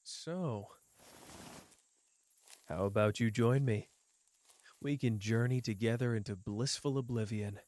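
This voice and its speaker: In an ASMR roleplay, a man with a medium-pitched voice lightly acts a teasing, world-weary young man. He talks slowly with long pauses, soft and teasing, drifting between playful and bleak, with an overall bleak mood.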